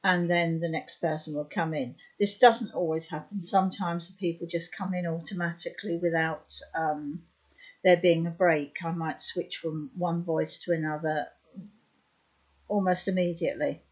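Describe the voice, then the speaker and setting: A woman's voice: fairly low pitch, steady tone, darkish tone. A woman in her fifties with a sore throat, a trance medium explaining her work to camera, hesitant with many fillers. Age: 50s. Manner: slow and hesitant, many ums and uhs. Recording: dull lo-fi sound.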